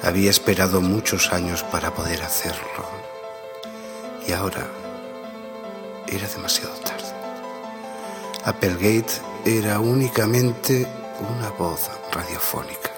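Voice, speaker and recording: A man narrating a story in a grave, hushed way, at times dropping to a whisper. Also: deep voice, steady tone, a little slow, pauses often. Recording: reverb-heavy with background music.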